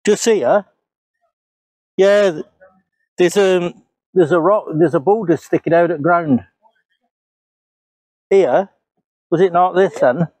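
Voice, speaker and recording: Speaking slowly with frequent pauses, a man with a high-pitched, darkish voice retraces his steps out loud while walking through woods. The paranormal investigator's casual vlog is recorded dry and in low quality on a lapel mic.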